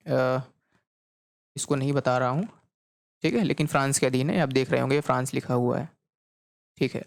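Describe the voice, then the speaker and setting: Man, geography teacher, clear resonant delivery, quizzes students by repeating each answer. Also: mid-range voice, dry recording, clean studio sound. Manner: repeats key points as quiz questions, frequent "okay" checks. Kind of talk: recorded map lecture.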